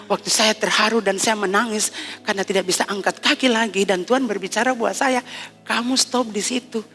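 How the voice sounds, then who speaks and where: A woman's voice: a little high, fairly bright tone. A middle-aged woman pastor with an Ambonese Malay accent preaching a sermon with fervent emotion, repeating her phrases for weight. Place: church hall. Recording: reverberant hall with faint music.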